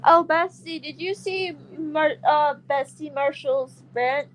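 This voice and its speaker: A twenty-year-old woman with a high-pitched voice chats slowly and casually on stream, swearing freely and calling her friends bestie. She's tired after work.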